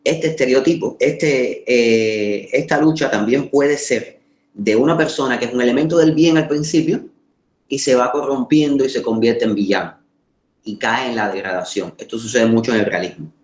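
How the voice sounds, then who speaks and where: Echoey Caribbean Spanish-accented man lecturing. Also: mid-range voice. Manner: emphatic repetition for rhetorical effect, halting word searches. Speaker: course lecturer. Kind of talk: informal literature lecture. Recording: roomy, echoing sound.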